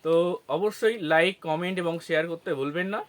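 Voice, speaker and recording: High-voiced man teaching grammar. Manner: slow, syllable-by-syllable explanations with self-answered questions. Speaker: English teacher. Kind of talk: grammar lesson.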